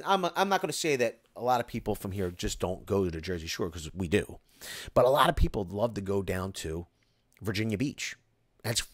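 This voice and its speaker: A host with a mid-range voice reads his live chat and rambles on, excitable and casual, with lots of restarts and "like." The close-miked home stream sounds dry, with studio quality.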